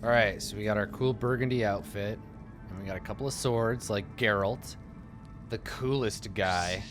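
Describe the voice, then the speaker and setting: A man's voice: lowish voice, moderate pace. A man giving casual, goofy and irreverent commentary while streaming a video game. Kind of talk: casual, joking gameplay commentary. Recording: game music behind the voice.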